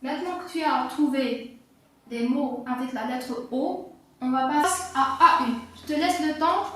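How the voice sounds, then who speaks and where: Young teacher lady, north african french accent, spells stuff out real slow, far off in a boomy room. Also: sharp tone, soft background music. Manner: patient, repeats words slowly and spells out letters. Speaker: primary school teacher. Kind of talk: slow, clear classroom explanation for young children. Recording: echoey room, voice from a distance.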